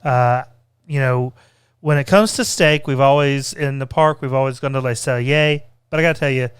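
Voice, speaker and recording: A man's voice: medium pitch, moderate pace, clean tone, no room sound. A man co-hosting a casual, conversational food review, often repeating words as he feels his way through a sentence. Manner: hesitant, repeats words as he goes. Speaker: co-host reviewing theme park restaurants.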